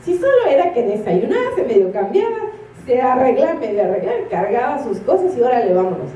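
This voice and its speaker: A woman's voice: a little high, big pitch swings, fast, warm tone, recorded from a distance, a little hiss or hum. Woman preaching in an echoey room. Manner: storytelling with acted-out quotes and laughter. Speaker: minister. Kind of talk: sermon.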